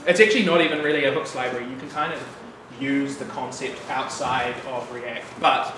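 A New Zealand man with a mid-range voice talks fairly quickly in an echoey room, giving a casual technical talk as a developer at a meetup. He is relaxed and chatty, with lots of fillers and asides. Standing away from the room mic in a bright loft-like office with an audience, he sounds distant amid background noise.

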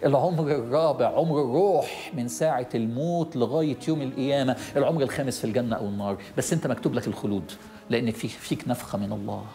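A middle-aged man with an Egyptian Arabic accent preaches a sermon at a racing pace in a warm, mid-range voice, with faint music behind him. He is emphatic, repeats key phrases, and addresses the listener directly.

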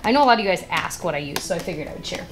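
A woman's voice: lowish voice, lively intonation, racing, slight background noise. A young adult woman making a casual beauty vlog, chatty and self-teasing, laughing often as she talks. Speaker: beauty vlogger. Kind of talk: casual chat to camera.

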